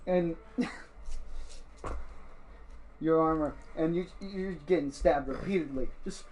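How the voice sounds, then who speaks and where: A man's voice: fairly high pitch, slow, long pauses, a little mellow. A man narrating as game master of a tabletop game, often laughing as he goes.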